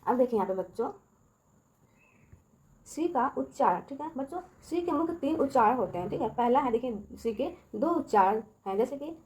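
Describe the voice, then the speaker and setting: A woman's voice: sits high, lively intonation, normal speed, a little mellow. A woman teaching a beginner English lesson to children, constantly checking in with them and quizzing them on each letter. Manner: addresses kids repeatedly, checks with "ठीक है" and quiz questions. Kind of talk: Hindi classroom-style video lesson. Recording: echoey room.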